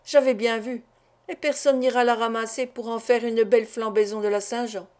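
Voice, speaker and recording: A woman's voice: fairly high pitch, steady tone, moderate pace, a little mellow, close to an everyday voice. A woman voicing a superstitious village shepherd in an audiobook, speaking with exclamatory wonder. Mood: uneasy. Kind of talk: audiobook character reading.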